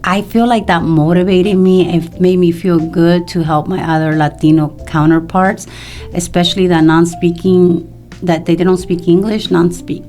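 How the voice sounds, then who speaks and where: Her voice is mellow and lowish, with a steady tone and normal speed. The speaker, a Salvadoran mortgage loan professional in her fifties, is a podcast guest who talks conversationally and explains at length, with music audible behind her.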